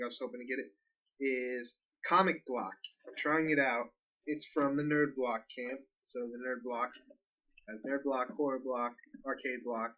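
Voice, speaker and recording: A man's voice: mid-range voice, pushed and bright, recorded from a distance, lo-fi sound. A man co-hosting a casual podcast, rambling and laughing as he unboxes comics. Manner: chatty, laughs often, rambling. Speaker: podcast co-host.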